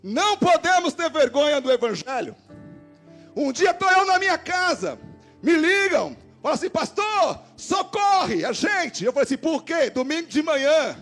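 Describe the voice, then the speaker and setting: High-voiced Brazilian pastor preaching. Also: male voice, normal speed, soft background music. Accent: Brazilian Portuguese. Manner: animated preacher voicing quoted dialogue. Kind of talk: sermon with storytelling. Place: church service.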